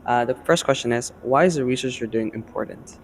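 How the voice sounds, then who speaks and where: A woman's voice: rumbling low, brisk. A woman interviewer asking questions in a casual interview, encouraging, with brief reactions.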